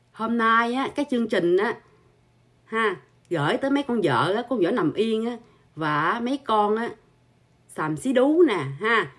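A woman delivers a heated scolding monologue to her channel's viewers. Her voice is husky and sits at a middling pitch. She insults and lectures, piling on repeated filler particles as she goes. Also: a bit bright. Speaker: channel host.

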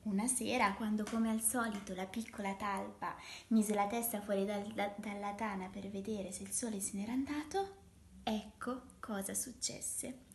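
A woman reading a children's picture book aloud, telling the story in a gentle, unhurried way. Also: medium pitch, fairly even intonation, a little hiss or hum. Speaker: storybook reader. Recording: echoey room.

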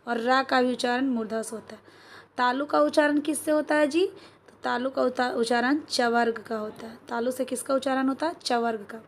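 A woman teacher with a high voice and Bihari Hindi accent reviews exam questions. Asking and then answering her own questions for the class, she repeatedly makes sure the material is clear.

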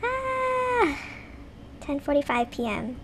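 A woman's voice: fairly high pitch, expressive, fast talker. A woman chatting casually as she plays a game, commenting on herself. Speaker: let's play host. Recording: loud background noise.

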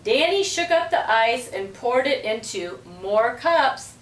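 A school principal with a fairly high voice reads a storybook aloud slowly, in a lively, measured, and expressive way. She is in a small indoor room with block walls, picked up by a distant camera microphone that sounds roomy.

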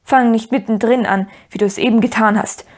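A woman's voice: a little high, steady tone, fairly quick, natural voice. A woman reading an audiobook, voicing a stern, proud older aunt who speaks in a clipped, commanding way. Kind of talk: audiobook character voice.

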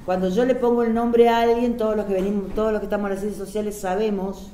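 A woman's voice: medium pitch, little pitch movement, fast, dark tone, slight background noise. A woman with a Córdoba Argentine accent gives a conversational lecture to teachers on a panel, peppering it with fillers and tag questions. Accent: Argentine Spanish, Córdoba. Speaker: panel speaker on civic education. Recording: echoey hall with faint ambience.

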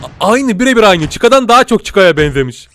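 A man's voice: sits high, sing-song, fast, noisy background. A man hosting a video, giving joking reaction commentary and laughing often. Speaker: YouTube host.

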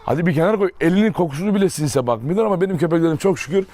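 A man's voice: on the high side, expressive, very fast, dark tone. A man talking casually to viewers while coaxing and praising his dogs by the pens. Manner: coaxing, affectionate commands to dogs. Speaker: dog breeder vlogger.

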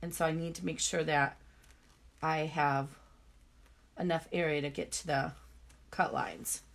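A woman's voice: deep voice, fairly even intonation, unhurried. A woman giving a chatty live-stream embroidery demonstration, greeting viewers and talking through each step as she works.

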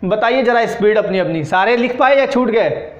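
A man with a high-pitched voice teaches an exam-prep grammar class. He dictates word pairs and keeps checking in with students through short tag questions. He sounds like he is in a room with plenty of echo. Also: expressive, moderate pace, lo-fi sound. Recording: echoey room.

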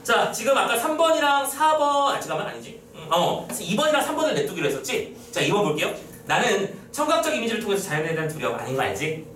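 A man's voice: high voice, big pitch swings, quick pace, fairly bright tone, slight background noise. A young man lecturing on a poem for exam prep, talking casually and teasing his students. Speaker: Korean literature lecturer. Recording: echoey room, mic at a distance.

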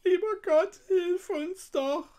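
A frightened little girl from a storybook, performed by a woman reader. Her voice sits well above the reader's own, soft and tearful. She pleads slowly and gently. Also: high voice, voice pushed up. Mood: pleading. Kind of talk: storybook reading.

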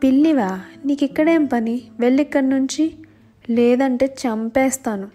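A woman voicing an old blind male vulture who speaks bluntly and gruffly in a storybook tale. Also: high-pitched, moderate pace, mellow. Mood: stern. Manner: blunt, threatening questions. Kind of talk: storybook voice acting. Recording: faint music underneath.

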